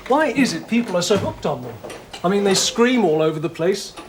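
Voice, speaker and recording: An actor playing a weary surgeon, grumbling in jaded complaints. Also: male voice, high-pitched, animated, fairly quick, noisy background. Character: grumbling, weary male surgeon who dislikes children.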